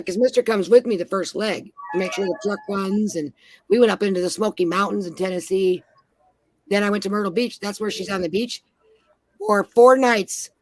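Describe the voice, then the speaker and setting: A woman's voice: mid-range voice, a little mellow, dry recording. A woman from Minnesota on a panel, telling blunt, heavily profane stories in casual chat. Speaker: panel guest.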